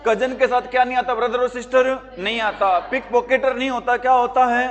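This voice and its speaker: A male teacher with a very high-pitched, slightly bright voice leads a grammar lesson, quizzing his class with the same questions over and over. He speaks briskly in a level tone. A long reverb makes him sound as if he's in a large hall.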